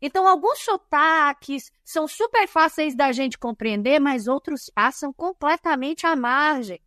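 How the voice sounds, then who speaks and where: With a high, bright and forceful voice and lively intonation, a woman with a Bahian Brazilian accent explains diversity and compliance as a podcast interview guest. She's emphatic and instructive, listing points at a measured pace, in echo-free studio-quality audio.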